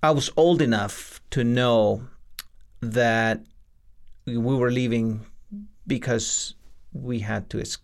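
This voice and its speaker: A middle-aged man from El Salvador, speaking in a gravelly voice. He answers earnestly and slowly, pausing often with fillers. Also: medium pitch, steady tone. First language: Spanish. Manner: earnest, hesitant with many fillers. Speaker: guest, lawyer and adjunct law professor. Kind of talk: reflective interview answers.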